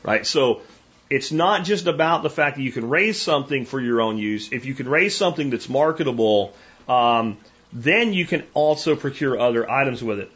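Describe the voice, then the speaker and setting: A man's voice: mid-range voice, lively intonation, moderate pace, a bit bright, lo-fi sound. A man hosting a homesteading show, talking casually and with strong opinions as he answers viewer questions. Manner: folksy, opinionated, with frequent restarts and tag questions. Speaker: homesteading podcast host.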